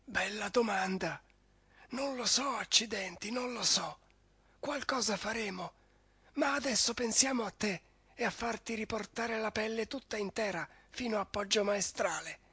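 Man doing a storybook rat, male, scheming, half-whispered, very breathy. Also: high-pitched, normal speed, pushed and bright, no room sound, voice pushed up, exaggerated voice. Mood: urgent, hushed.

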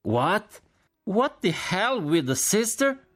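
A man voicing a loud, bluff American army general who shouts eagerly, in an audiobook reading. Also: high voice, sing-song, drawn-out words, pitched above the performer's own voice, full character voice. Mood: shouting.

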